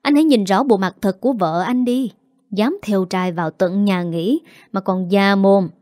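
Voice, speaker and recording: In this storybook reading, a scornful conniving young woman sneers and mocks her rival, as a woman narrator puts her on. the voice is soft and mellow and close up, with a dry sound and no room around it. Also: medium pitch, lively intonation, normal speed, no room sound, close to an everyday voice. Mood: sneering. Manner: sneering, mocking.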